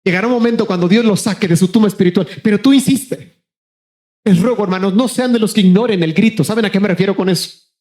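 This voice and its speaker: A man preaching a sermon as pastor, passionately calling to his congregation, rushing ahead in quick bursts and then slowing down hard for emphasis. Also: sits high, a little mellow. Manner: impassioned, repeatedly addressing the congregation as brothers; shifts between rapid bursts and slow, drawn-out emphasis.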